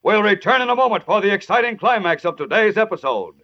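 A man's voice: sits high, animated, fast talker. A man narrating as a 1940s old radio announcer, with an urgent, theatrical, emphatic scripted delivery. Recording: noisy, dull vintage radio recording.

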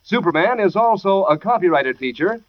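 A man announcing as a 1940s radio pitchman, chummy and enthusiastic, in a folksy sales style. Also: animated, normal speed. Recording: dull lo-fi old radio recording.

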